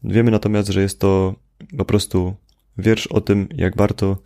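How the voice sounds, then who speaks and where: A man's voice: low-pitched, level tone, a little slow, gravelly, dark tone. A young man casually explaining a poem in an informal literature lesson, hesitating often as he talks. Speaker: poetry explainer.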